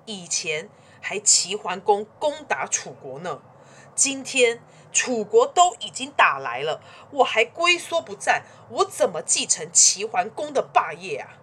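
Woman doing a proud ancient duke, stubborn, loud, lofty, lively pitch, storybook. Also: measured pace, slight background noise.

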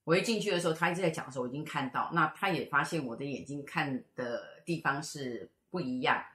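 A middle-aged woman tells a story in a casual chat and briskly acts out the people in it. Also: low-pitched. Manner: lively, acts out the voices of people in her stories. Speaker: fortune teller and show co-host. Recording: echoey room.

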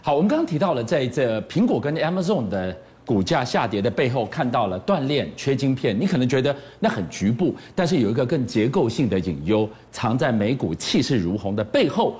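A man's voice: mid-range voice, sing-song, a little fast, hardly any pauses, a little mellow. A male news host with a Taiwanese Mandarin accent, presenting breaking news in an emphatic, dramatic way with rhetorical questions.

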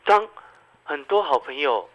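A man with a Taiwanese Mandarin accent giving radio stock market commentary, animated and full of rhetorical questions to the listener. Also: on the high side, a little slow, rough recording.

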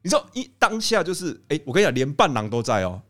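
Animated, laughing man telling stories. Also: on the high side, fast talker. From Taiwan. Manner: animated, laughs often, lively storyteller. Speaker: podcast co-host, wedding photographer. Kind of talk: casual storytelling chat.

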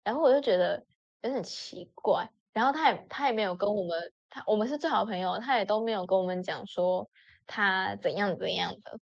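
A woman hosting a chatty podcast tells a story in an animated, expressive way, often leaping higher when she voices the people in it. Her voice sits in an ordinary middle range. The recording is a bit dull and lo-fi. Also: a little fast. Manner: animated, acts out friends' lines with sudden pitch jumps. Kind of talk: casual storytelling chat. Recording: dull lo-fi audio.

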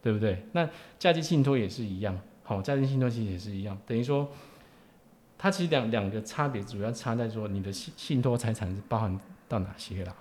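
Man, somewhat low voice, Taiwanese Mandarin accent, informal expert explainer, frequent particles and tag questions. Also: lively intonation, brisk, darkish tone, a little hiss or hum. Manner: repetitive, punctuates phrases with particles and tag questions. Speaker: lawyer, podcast guest.

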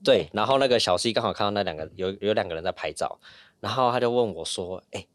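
Male podcast guest; self-mocking storyteller, rapid delivery, dry close mic. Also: fairly low pitch, animated, no echo. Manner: chatty, self-mocking anecdotes. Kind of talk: casual podcast chat.

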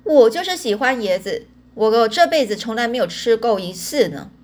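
A woman's voice: medium pitch, moderate pace, close to an everyday voice. A woman voicing a stubborn, blustery old grandfather in a storybook reading. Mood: gruff. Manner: blustery, brusque.

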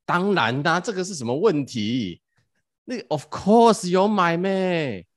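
A man's voice: high-pitched, big pitch swings, unhurried, pitched above the performer's own voice. A man voicing a bold, boastful elderly woman shopkeeper who invests in crypto. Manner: brash, loud, boastful.

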